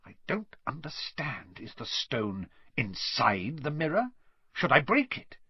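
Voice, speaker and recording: A man's voice: medium pitch, big pitch swings, normal speed. A man voicing a scheming male wizard teacher, cold and servile, in an audiobook reading. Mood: frantic. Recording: dull lo-fi dry recording.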